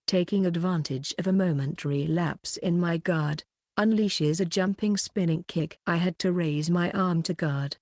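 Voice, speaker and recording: A woman narrating a light novel audiobook in an even, plain reading style. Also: on the low side, dry recording, clean studio sound.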